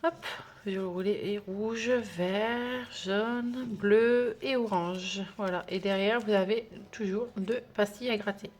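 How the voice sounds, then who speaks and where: A woman chatting casually through an unboxing for a budgeting vlog, gushing over small items with many fillers and sometimes dropping to a soft whisper. She sounds tired. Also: medium pitch, steady tone, slow, a little hiss or hum. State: tired, trembling hands. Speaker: budgeting vlogger.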